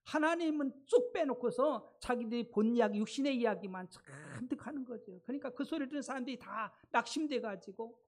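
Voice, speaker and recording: A man's voice: very high-pitched, animated, fairly quick, hardly any pauses. A man preaching a sermon as a pastor in a church, retelling stories in a colloquial way and asking the congregation rhetorical questions. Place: church sanctuary.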